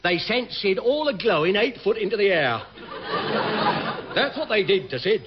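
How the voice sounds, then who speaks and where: A man's voice: sits high, very animated, moderate pace. An actor playing an indignant working-class dockyard man in a radio sitcom, protesting in ungrammatical talk. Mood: aggrieved. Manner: ungrammatical, protesting, comic malapropisms. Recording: dull, noisy old radio recording.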